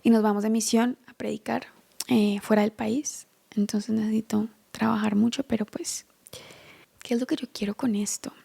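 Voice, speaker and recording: Woman, hushed whispered testimony, raspy and fry-heavy, flat delivery. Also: on the high side, moderate pace. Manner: hushed, mostly whispered storytelling; earnest, direct address to the viewer. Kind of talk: personal faith testimony.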